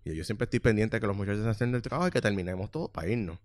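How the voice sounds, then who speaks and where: A man in his thirties with a Puerto Rican accent, telling a workplace story in casual chat and acting out the voices loudly. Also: lowish voice, very fast, no echo, clean studio sound. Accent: Puerto Rican Spanish. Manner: animated storyteller, acts out quotes loudly, swears freely.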